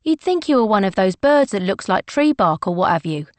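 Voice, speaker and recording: A woman's voice: medium pitch, very animated, a little fast, a little mellow, dry recording, close to an everyday voice. A woman doing a blunt worldly thief.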